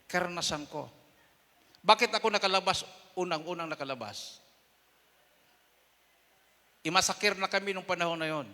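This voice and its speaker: A Filipino man preaching a sermon testimony, telling a story and acting out quoted voices with sudden loud bursts. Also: high-pitched, moderate pace, pauses often. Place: church hall. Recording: long hall reverb.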